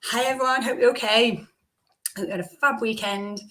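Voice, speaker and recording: A woman hosting a live business stream, her voice croaky from recovering, chatting with asides to her viewers. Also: fairly high pitch, fairly even intonation, fairly quick, fairly bright tone. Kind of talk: casual live-stream talk.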